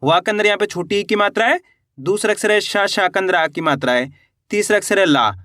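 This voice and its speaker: High bright-voiced man teaching spelling. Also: dry recording, studio quality. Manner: slow syllable-by-syllable sounding out, quizzing the viewer; encouraging, addresses viewers as friends. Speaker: Hindi teacher. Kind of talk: spelling lesson for beginners.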